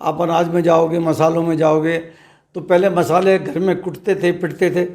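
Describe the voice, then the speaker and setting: A man, a trade representative, giving measured, emphatic interview answers and often posing rhetorical questions. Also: a little high, flat delivery, a little mellow. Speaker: trader association leader interviewed as guest.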